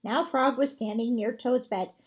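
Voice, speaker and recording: A woman librarian reading a picture book aloud to children, gentle and expressive. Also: on the high side, moderate pace.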